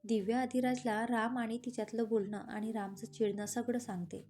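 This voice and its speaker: A woman narrating a romantic story in a steady, even reading style. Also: fairly high pitch, moderate pace. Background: faint instrumental music.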